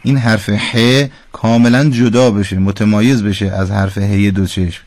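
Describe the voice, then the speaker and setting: A man with a somewhat low voice hosts a call-in radio lesson from a dry, close studio. He speaks patiently and corrects pronunciation with exact detail. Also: steady tone, darkish tone, no room sound. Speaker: radio Quran recitation teacher.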